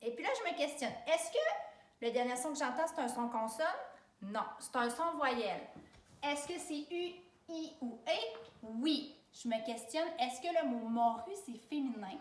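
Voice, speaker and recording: Québécois lady teaching kids spelling, patient step by step, kinda high voice, a bit far off in an echoey room. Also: lively intonation, measured pace. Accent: Québécois French. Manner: patient, step-by-step, speaks directly to the child. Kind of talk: spelling lesson for children. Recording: roomy sound from away from the mic.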